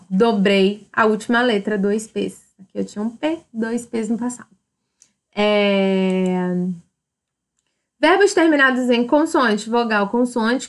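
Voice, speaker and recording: A woman's voice: fairly high pitch, a bit bright. A woman, teaching a casual grammar review and often checking with her students. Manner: casual, repeats "tá?" and "ó" to check understanding. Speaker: English teacher. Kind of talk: recorded classroom grammar review.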